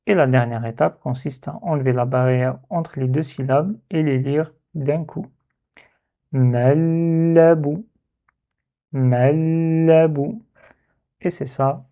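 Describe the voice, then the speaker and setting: A man's voice: medium pitch, a little slow, vocal fry. A man teaching Arabic letter reading in a step-by-step lesson, patiently repeating syllables to demonstrate. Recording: tinny phone-like sound.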